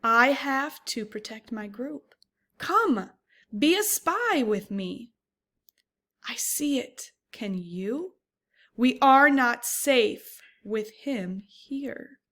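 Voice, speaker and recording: A woman voicing an alert young vervet monkey lookout who whispers warnings and yells alarm calls while reading a storybook aloud. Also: on the high side, animated, very slow, full character voice. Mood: lively.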